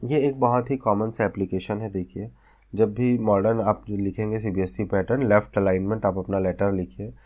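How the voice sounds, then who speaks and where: A man's voice: on the low side, fairly even intonation, moderate pace, a little mellow. A man teaching a vocational class, explaining step by step and often checking whether students follow. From India. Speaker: vocational instructor. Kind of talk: classroom lecture.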